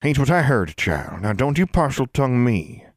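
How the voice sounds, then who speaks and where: An old witch great-grandmother with a sharp tongue and a soft spot, speaking in rural folksy dialect, as a man reading puts her on. She sits well higher than his low natural voice. The sound is dry and close. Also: very animated, moderate pace, dry recording, close to an everyday voice. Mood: chiding.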